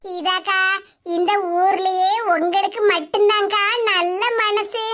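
A woman's voice: extremely high pitch, fairly even intonation, a little slow. A woman voicing a tearful, pleading young married woman in a cartoon, with a Tirunelveli Tamil accent. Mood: polite. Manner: pleading, whiny. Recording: loud background noise.

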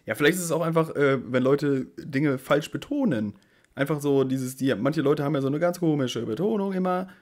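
A man's voice: a little high, fairly quick, darkish tone. A man on a casual podcast chat, rambling and searching for words as he guesses. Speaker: podcast co-host.

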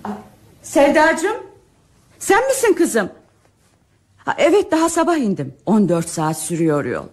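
A woman's voice: on the high side, big pitch swings, breathy edge, exaggerated voice. An actress playing a worried, talkative mother in a radio drama, chatty and emotional. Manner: chatty and emotional, quick to fret and scold.

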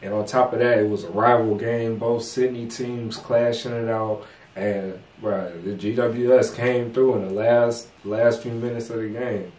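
A man's voice: medium pitch, fairly even intonation, unhurried, a little mellow. Laid-back young man, roomy echo. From United States. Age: young adult. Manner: laid-back, slangy, drops "bro" and "man". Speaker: co-host. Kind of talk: casual sports recap chat. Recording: roomy echo, mic at a distance.

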